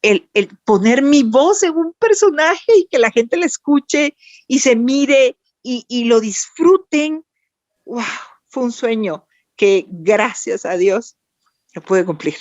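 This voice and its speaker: A woman's voice: on the high side, takes it slowly, dry recording, lo-fi sound. A Guatemalan woman, a voice actress guest on a podcast, telling stories animatedly with lots of fillers. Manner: animated storytelling with many fillers. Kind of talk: casual podcast interview.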